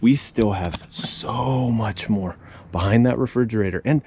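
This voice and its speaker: Digging through a storage unit, a man vlogs in astonishment and exclaims the same things again and again. He has a fairly low, darkish voice and a measured pace, and there's slight hiss or hum from the head-mounted action camera in this excited unboxing clip.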